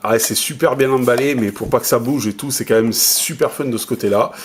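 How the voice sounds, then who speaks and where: A man's voice: mid-range voice, fairly quick, a little hiss or hum. Rambling man unboxing a smartwatch. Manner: rambling, many fillers and self-corrections; handles the product while talking. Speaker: tech reviewer. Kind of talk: casual unboxing review.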